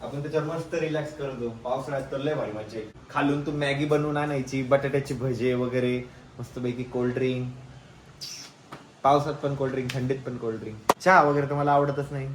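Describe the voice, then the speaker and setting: A man's voice: medium pitch, fairly even intonation, echoey room, a little hiss or hum, rough recording. A man, joking around and lecturing his younger brother in a home vlog. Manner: fast, joking, bossy big-brother tone. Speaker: vlogger. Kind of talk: casual family vlog chat.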